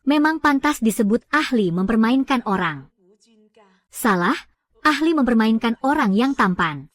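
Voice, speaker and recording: A woman with a high, light voice reads a film's dialogue aloud for a recap. She speaks every character's lines in the same steady voice and does not switch voices between them. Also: a little slow. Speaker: film recap narrator.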